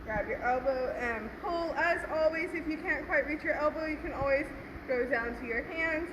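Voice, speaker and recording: A woman gymnastics coach with a high-pitched voice leads a live-streamed stretching class at a moderate pace, casually encouraging everyone as she gives instructions and counts. She sounds roomy on the gym floor, where fans create a steady hum in the noisy stream audio.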